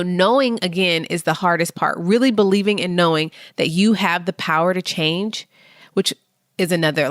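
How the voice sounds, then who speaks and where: A woman hosting a podcast, giving a motivational monologue with slow, deliberate affirmations spoken straight to the listener. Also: fairly low pitch, a bit bright, no room sound, clean studio sound. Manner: encouraging, speaks directly to the listener. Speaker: podcast host.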